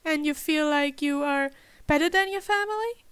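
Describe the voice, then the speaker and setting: A woman reading a teenage girl's lines, calm and probing in a mock-therapist way. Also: high-pitched, moderate pace, dry recording. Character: sarcastic teenage girl, calm therapist act.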